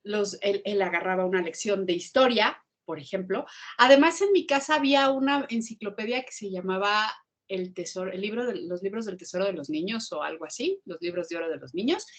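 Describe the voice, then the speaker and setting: A woman with a Mexican accent and a husky, slightly breathy voice recounts her childhood on a video call. She talks in a lively, animated way at a middle pitch. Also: fairly quick. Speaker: guest. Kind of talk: storytelling in an online class interview.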